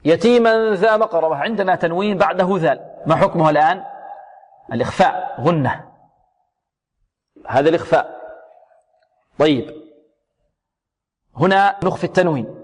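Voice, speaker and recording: A man teaching tajweed, repeating words slowly, drilling single sounds, asking and answering his own questions. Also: a little high, husky. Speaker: Quran recitation teacher. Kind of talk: tajweed lesson on pronunciation. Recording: long hall reverb.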